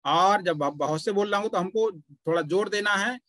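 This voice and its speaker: A man teaching a Pali grammar class, explaining patiently and pausing often to point things out. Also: sits high, a bit bright, no echo. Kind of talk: online grammar lesson.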